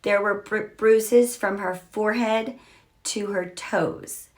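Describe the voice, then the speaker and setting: A woman's voice: medium pitch, steady tone, slow pace. A woman hosting a true crime show, talking it through casually with many fillers and restarts. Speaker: true crime podcast host.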